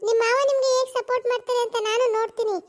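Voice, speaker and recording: A cheeky young cartoon bride, full of mischief and teasing. She talks in a sing-song way, very high and squeaky. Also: flat delivery, very fast.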